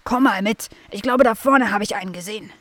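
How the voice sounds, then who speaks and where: A woman voicing a calm, helpful male beaver in a children's audio story, easygoing in manner. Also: medium pitch, fairly quick, no echo, close to an everyday voice.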